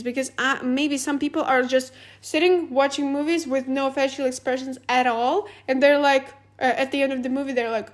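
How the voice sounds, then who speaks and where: A high-voiced woman whose first language is Russian hosts a podcast, giving a casual advice monologue. She's chatty and animated, laughs often and uses a lot of "like."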